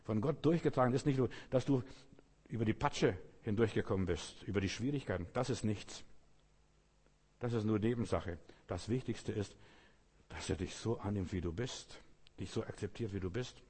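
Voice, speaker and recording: A man's voice: fairly low pitch, normal speed, darkish tone, husky. A man preaching an informal sermon in a folksy way, talking straight to the listener and repeating his phrases. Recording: long reverb, as in a hall.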